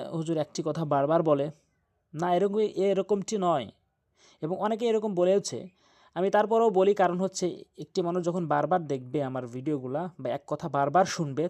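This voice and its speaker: A man teaches recitation in a slightly high voice. He spells out each syllable slowly and repeats the rules with patience. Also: mellow. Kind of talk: slow spelled-out recitation lesson.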